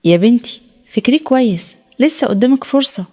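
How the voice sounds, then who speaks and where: A woman's voice: on the high side, animated, fairly quick, dark tone. A woman voicing a worried, tearful middle-aged mother who pleads with her daughter, with an Egyptian accent. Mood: pleading.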